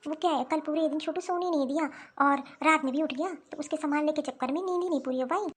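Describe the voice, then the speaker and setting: Weary older mother-in-law, grumbling to herself, high voice, cartoon voice by a woman. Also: quick pace, lightly acted. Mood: pleading. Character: tired older mother-in-law, overworked, self-pitying. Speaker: voice actor. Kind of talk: Hindi cartoon dialogue.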